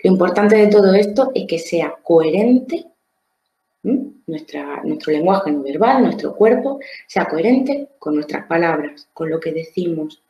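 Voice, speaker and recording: A woman's voice: fairly low pitch, lively intonation, measured pace, warm tone. A woman, teaching a lesson on social skills. She explains step by step, often repeats words, and checks with the listener through tag questions. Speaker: trainer. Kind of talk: explanatory lecture. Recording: echoey room.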